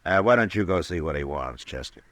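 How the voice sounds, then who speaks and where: Matt Dillon, very deep-voiced western marshal. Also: male voice, a little fast, no room sound. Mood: calm. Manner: laconic, calm, firm. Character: steady, authoritative Old West town marshal. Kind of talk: old-time radio western acting. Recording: noisy, clicky old radio recording.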